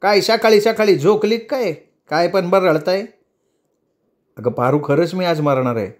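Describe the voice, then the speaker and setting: A male storyteller voicing a young housewife who scolds her husband in sharp, quick bursts. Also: high voice, pitched above the performer's own voice. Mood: scolding.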